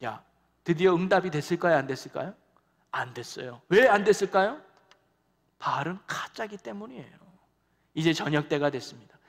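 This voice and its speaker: A man's voice: fairly high pitch, expressive, normal speed, long pauses, big-room sound. A man preaching a sermon in a church and engaging the congregation with frequent questions. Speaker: pastor. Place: church sanctuary.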